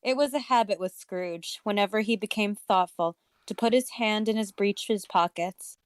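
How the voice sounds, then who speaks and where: A woman reading a story aloud as narrator on a casual podcast, with steady storybook delivery. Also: mid-range voice, moderate pace, clear, resonant tone, no echo, studio quality.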